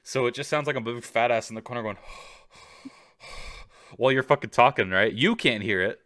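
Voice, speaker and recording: Joking around and swearing freely, a man co-hosts a casual podcast chat through a video call microphone. His voice is mid-range, bright and forceful at a moderate pace, recorded at studio quality with no echo.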